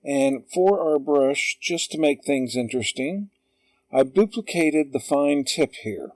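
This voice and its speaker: A man calmly talking through a drawing tutorial step by step, in an unhurried voice-over. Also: on the high side, no echo. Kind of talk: slow screen-recorded tutorial.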